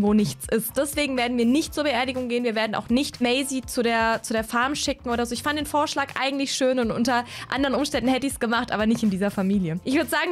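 Chatty woman narrating her game. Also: fairly high pitch. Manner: chatty, playful, thinks aloud. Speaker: let's play host. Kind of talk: casual gameplay commentary.

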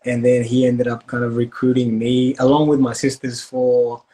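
A young man talks easily over a video call, in a relaxed and rambling way, looping back on his own phrases. His voice sits at an ordinary middle pitch for a man. He sounds like a guest on a casual interview. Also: moderate pace, poor audio. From Australia. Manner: relaxed, rambling with restarts and fillers. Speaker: guest singer-songwriter. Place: indoor room at home.

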